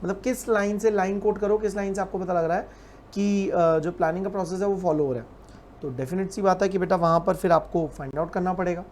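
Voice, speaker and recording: A man's voice: high voice, fairly even intonation, brisk, a little mellow, a little hiss or hum. A man teaching an online class in a casual, chatty way. He repeats points, calls students "beta" and explains with everyday examples.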